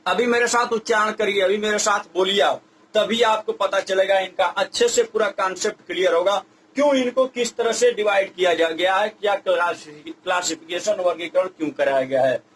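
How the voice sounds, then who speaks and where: A man's voice: sits high, fairly bright tone, slight background noise, rough recording. A man teaching Hindi grammar in a lecture, explaining step by step and stretching out vowel sounds as examples. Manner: drawn-out demonstrative vowel sounds, repetitive explaining. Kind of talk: classroom lecture at a board.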